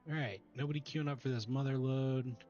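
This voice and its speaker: A man casually commenting on his own gameplay as a guide host, chatty and relaxed while he plays. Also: mid-range voice, fairly quick, muffled recording, soft background music.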